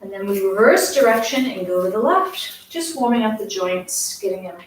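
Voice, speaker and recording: Animated and medium-pitched, a morning workout instructor from Maine speaks at a moderate pace, her local accent clear as she coaches a relaxed class in a friendly, talkative, supportive way. The recording is heavily echoey, with the mic far away and slight noise.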